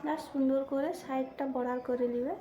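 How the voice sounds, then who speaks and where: Soft-spoken woman vlogger, quick pace. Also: high-pitched, steady tone. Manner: speaking softly on purpose. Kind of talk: casual makeup tutorial vlog. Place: at home.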